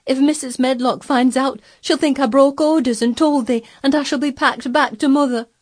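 A woman's voice: high-pitched, steady tone, moderate pace, natural voice. A woman voicing a fretful, fearful young housemaid with a Yorkshire accent, exclaiming and gossipy, in a storybook reading. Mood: frightened, fretful. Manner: exclaiming, dialect-speaking, fretful.

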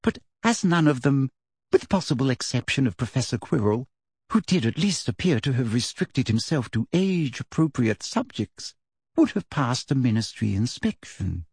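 A man voicing a prim, cold, middle-aged female teacher in a storybook reading, speaking slowly and softly with deliberate sweetness. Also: medium pitch, very animated, husky, dry recording. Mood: smug. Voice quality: soft, deliberate, half-whispered.

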